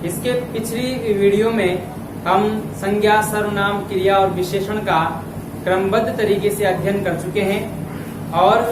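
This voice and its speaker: A man teaching a classroom lesson, speaking slowly and repeating words and phrases so students can write them down. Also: high-pitched, reverberant, distant mic, background noise. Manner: keeps saying "ab dhyan dena" to draw attention. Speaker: Hindi grammar teacher.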